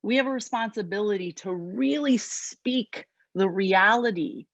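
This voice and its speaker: A woman with a Chicago accent giving an inspirational talk as guest speaker at an online spiritual service, lively and conversational with quick asides. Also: mid-range voice, no echo, highs cut off. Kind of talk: inspirational sermon.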